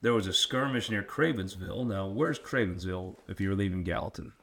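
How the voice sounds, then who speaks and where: A lower-pitched man with a rural drawl hosts a history chat. He is folksy and quick to poke fun at himself, talking casually as he asks questions. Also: creaky, very noisy. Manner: folksy, self-deprecating. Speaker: interviewer and host. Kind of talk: casual local history interview.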